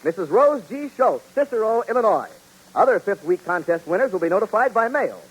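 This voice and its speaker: High, lively old-time radio announcer, man. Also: a little fast, husky, low-quality recording. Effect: old radio show broadcast. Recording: vintage radio broadcast with faint music.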